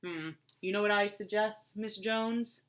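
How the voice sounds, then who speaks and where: A woman voicing a gruff, deep-voiced male police officer who talks slowly and indulgently, as if to a child, in an audiobook reading. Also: fairly even intonation, a bit bright, close to an everyday voice. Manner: slow and indulgent, talking down to a child.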